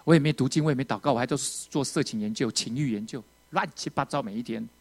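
Animated man giving testimony. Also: medium pitch, fast talker. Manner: emotional, animated storytelling with sudden loud outbursts and quiet drops. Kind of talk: sermon testimony.

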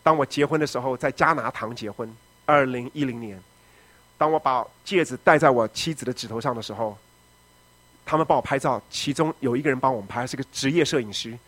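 Fast-talking dramatic pastor. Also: male voice, medium pitch, no echo. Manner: dramatic storytelling, swings from loud shouting to quiet. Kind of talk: testimony sermon.

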